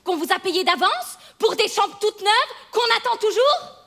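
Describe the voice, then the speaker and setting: A woman's voice: very high voice, lively intonation, measured pace, gravelly, fairly bright tone, exaggerated voice. A woman playing an angry tenant in a stage comedy sketch, indignant and confrontational.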